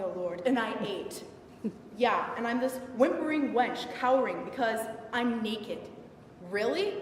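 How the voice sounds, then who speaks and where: A young woman performing a defiant, indignant biblical Eve in a sarcastic, emphatic, conversational stage monologue. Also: fairly high pitch. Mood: sardonic, angry. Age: young adult. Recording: echoey hall from far off, some noise.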